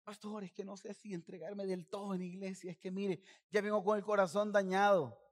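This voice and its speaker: A worn-down male churchgoer making hesitant, pleading excuses, as a preacher puts him on in a sermon. His voice sits high and strained, and he keeps starting over as he tries to explain himself. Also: flat delivery, brisk, close to an everyday voice.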